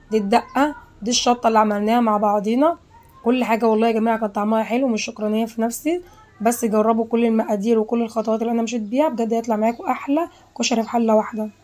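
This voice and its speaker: Egyptian woman, home cooking host, rapid chatty delivery, slightly high voice. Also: fairly even intonation, dark tone. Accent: Egyptian Arabic. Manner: chatty, repeats herself, addresses viewers directly. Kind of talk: casual cooking tutorial.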